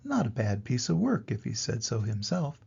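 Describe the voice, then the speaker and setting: An older man, a grandfather, reading a children's story aloud in an expressive grandpa voice to little children. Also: mid-range voice, normal speed, vocal fry, husky, muffled recording.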